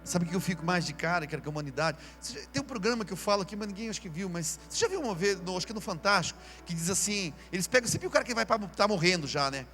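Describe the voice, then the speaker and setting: A Brazilian man preaching a sermon at a live church service, in a casual, slangy way that swings from quiet asides to shouting. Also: high-pitched, lively intonation, very fast, few pauses, soft background music. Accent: Brazilian Portuguese. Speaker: pastor.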